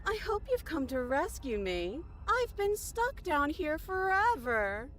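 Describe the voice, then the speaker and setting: A cartoon princess, extremely high and swooping. Her innocence is exaggerated and fake, with a grating, threatening edge, and she takes her time as a game character over music. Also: sing-song, slow pace, heavily acted. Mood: pleading, falsely sweet. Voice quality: grating, sharp-edged. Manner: exaggeratedly sweet, fake-sounding, goofy.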